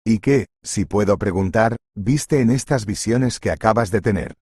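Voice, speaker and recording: A man's voice: fairly low pitch, normal speed, dark tone, breathy edge, dry recording, studio quality. A man voicing a stern, fair-minded male restaurant boss who speaks firmly in a storybook reading. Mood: concerned. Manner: firm, corrective.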